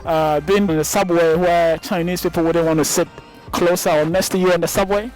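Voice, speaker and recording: A man's voice: on the high side, steady tone, brisk, darkish tone, soft background music. A man hosting a channel of street interviews, welcoming viewers enthusiastically and asking passersby questions. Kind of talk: upbeat vlog intro and street interview questions.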